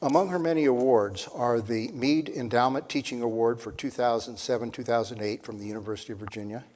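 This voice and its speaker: An older man, the moderator of a lecture series, reads a speaker's introduction from a sheet at a podium microphone in a measured way. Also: medium pitch, darkish tone. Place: large hall with seated audience. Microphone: podium mic on a stand. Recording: long reverb in a hall.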